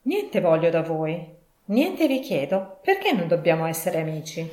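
A woman's voice: lowish voice, very animated, measured pace, warm tone. Woman doing a cheerful young nephew, good-humoured, pleading, echoey audiobook. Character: cheerful, warm young man, patient nephew. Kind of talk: audiobook reading. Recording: roomy echo.

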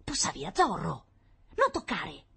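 A woman reading a storybook aloud and voicing an excitable, curious young boy who talks in an eager, brisk way. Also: low voice, gravelly, husky, heavily acted. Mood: scolding.

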